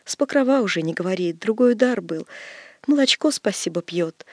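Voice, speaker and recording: A man voicing a frail, pious old peasant woman who speaks softly and tenderly, her voice trembling. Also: high voice, animated, brisk, dry recording, clean studio sound. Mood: sorrowful.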